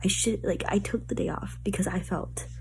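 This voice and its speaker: A woman's voice: mid-range voice, normal speed, gravelly, whispered. A young woman with a sick, stuffy nasal voice, chatting casually in a book vlog and rambling with lots of filler words. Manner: rambling, filler-heavy talk with many "like"s. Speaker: book vlogger. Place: at home.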